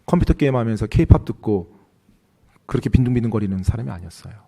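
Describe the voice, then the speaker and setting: A man interpreting a sermon phrase by phrase, with lively, rising questions to the congregation. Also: fairly low pitch, quick pace, vocal fry.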